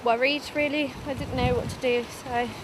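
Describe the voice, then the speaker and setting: A 19-year-old young mother speaks candidly in a documentary interview, informal and a bit hesitant, as though thinking aloud. Her high voice keeps a steady tone at normal speed over a noisy background.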